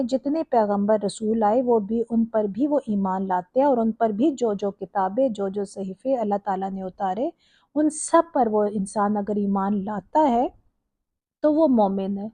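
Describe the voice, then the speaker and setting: A woman's voice: a little high, warm tone, no echo. A woman giving a Quran commentary lecture, explaining verse by verse with small stumbles. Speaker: religious lecturer.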